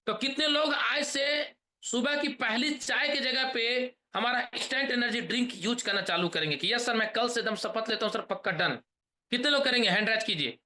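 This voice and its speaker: High bright-voiced man giving a pep talk. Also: normal speed. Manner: rousing, asks the audience questions, leads chants. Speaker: motivational trainer. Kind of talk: energetic sales pep talk on a video call.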